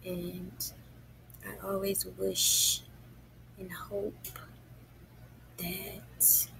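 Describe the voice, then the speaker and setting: A woman speaking in hushed, breathy late-night pillow talk, often near a whisper, with halting phrases and long pauses, as an intimate personal monologue. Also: medium pitch, level tone. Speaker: video maker. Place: quiet room indoors at night. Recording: noisy room, clear background noise.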